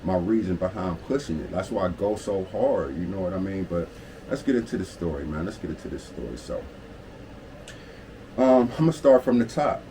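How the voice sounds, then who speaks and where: A man in his forties from Cleveland speaks in a low voice, telling his story in a loose, streetwise monologue full of slang and "you feel me" asides. An air conditioner hums clearly and steadily behind him throughout. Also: expressive, moderate pace. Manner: streetwise slang and profanity, constant "you feel me" check-ins. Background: air conditioning hum.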